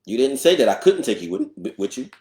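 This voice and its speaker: A man's voice: mid-range voice, very animated, darkish tone. A man co-hosting a casual live stream, playful and sarcastic in his replies. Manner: sarcastic, playful, drawn-out delivery. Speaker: co-host of a couple's live stream. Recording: roomy echo.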